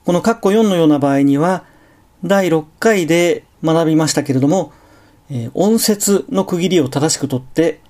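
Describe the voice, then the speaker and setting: A man giving a scripted language lesson, explaining pronunciation calmly and methodically, with spoken examples. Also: fairly high pitch, moderate pace. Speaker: language teacher.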